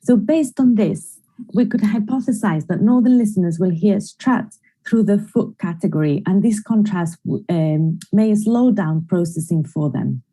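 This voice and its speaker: A woman's voice: medium pitch, unhurried, warm tone, breathy edge, poor audio. A woman giving an online academic conference presentation, explaining her research methodically through a computer mic. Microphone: computer mic in an online screen-share presentation.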